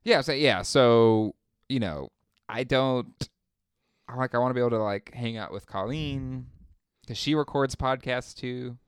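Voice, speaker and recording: Guy in his 30s cohosting a podcast, smooth clear voice, rambly with lots of uhs, dry close sound. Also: medium pitch, a little slow, dry recording. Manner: rambling, filler-heavy, laughs often. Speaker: podcast co-host. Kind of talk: casual podcast chat.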